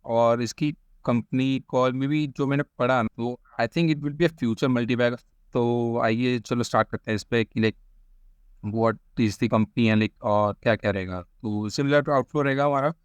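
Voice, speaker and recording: A man with an Indian accent speaks at a measured pace in a smooth, medium-pitched voice with fairly even intonation, recorded dry. Presenting an informal stock explainer with screen share, he addresses viewers familiarly and often switches between Hindi and English.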